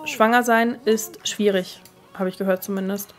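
A woman hosting a let's play, chatting casually and excitably as she talks to her game characters and her viewers. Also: mid-range voice, normal speed, soft background music. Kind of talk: casual gameplay commentary.

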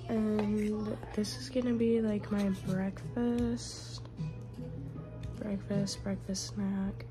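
Music plays in the background as a college student in her twenties whispers very slowly to her phone camera, held close. Her medium-pitched voice shows little pitch movement, and her cold makes it scratchy and congested as she chats casually from a small room at home.

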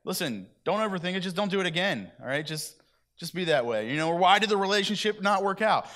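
A man's voice: high voice, animated, fast talker, fairly bright tone. A man preaching a sermon at church in a chatty, conversational way, often repeating himself. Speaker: pastor.

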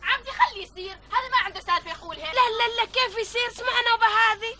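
A worried mother questions her family quickly and anxiously. Her voice is very high. Noise is audible behind her. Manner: anxious, probing. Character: worried middle-aged mother, anxious about her sons. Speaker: actor. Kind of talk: TV drama acting. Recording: drama audio with audible noise.

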